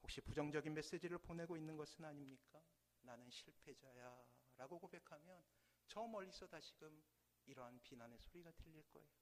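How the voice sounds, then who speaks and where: A middle-aged man, a pastor, preaching a sermon with dramatic swells and hushed drops in a church sanctuary. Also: on the high side, fast, a little hiss or hum. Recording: church hall reverb.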